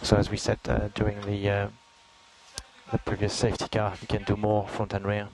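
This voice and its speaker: Lowish guy on race spotter radio, short precise instructions, bunch of voices behind him. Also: monotone, moderate pace, creaky, rough recording. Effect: team radio. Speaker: race engineer. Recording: team radio with crowd-like background noise.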